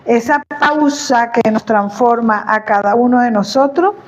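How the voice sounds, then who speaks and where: A woman, speaking as a therapist in a lively, chatty way about inner peace, often checking whether she is understood. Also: a little high, a little slow, low-quality recording. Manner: chatty, animated, asks "¿me entiendes?". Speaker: host, therapist. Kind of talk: conversational talk on inner peace.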